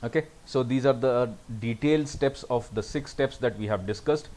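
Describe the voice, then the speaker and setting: A man's voice: mid-range voice, normal speed, a little mellow, low-quality recording. A man giving a recorded lecture over slides, often saying "okay" between points.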